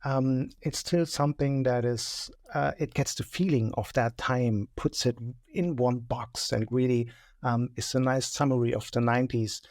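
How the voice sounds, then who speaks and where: Recorded on a studio mic without echo, this forty-something guest from Germany speaks with a German accent in a medium, steady, darkish voice at a moderate pace. He's chatty on the podcast, cracking self-deprecating jokes.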